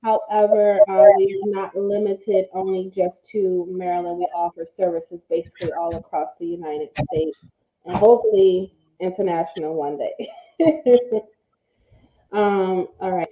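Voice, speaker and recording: A woman co-hosting a podcast in slow, hesitant casual chat, her voice muffled as if heard through a wall. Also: fairly low pitch. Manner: slow, hesitant, with many fillers. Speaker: podcast co-host. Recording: muffled phone-like line, echoey room.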